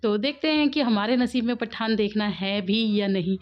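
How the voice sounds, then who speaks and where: A woman with a slightly high voice and a sore, coughing throat narrates her home cooking vlog in a rambling, chatty voice-over. She laughs often and wanders off into side stories. The recording sounds dull and lo-fi. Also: normal speed.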